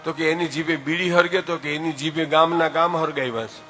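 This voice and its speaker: An older man tells a folk tale in a high, sharply bright voice. He keeps turning to the listeners with a respectful address, dropping to hushed asides and then rising to loud exclamations. Faint music plays behind him. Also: brisk. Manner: lively storyteller, often addresses listeners as "saheb"; swings between soft asides and loud exclamations. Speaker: folk storyteller. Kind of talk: Gujarati folk tale telling.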